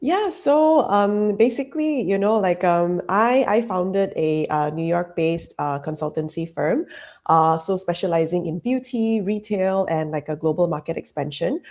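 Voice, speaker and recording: This Malaysian woman, a business consultant appearing as a guest, speaks in a lowish, slightly mellow voice without hurrying. She answers the interview questions hesitantly, leaning heavily on fillers like "um" and "you know, like."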